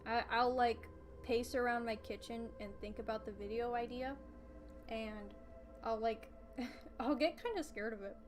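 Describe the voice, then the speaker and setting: A woman's voice: fairly high pitch, measured pace, noisy background. A teenage girl chatting casually on a livestream from her bedroom, rambling with lots of fillers and giggles. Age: teens. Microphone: streaming desk mic. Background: game soundtrack music playing faintly.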